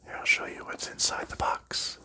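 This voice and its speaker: This is a male ASMR creator giving a whispered board game show-and-tell. He speaks softly and slowly, gently, with many fillers sprinkled throughout.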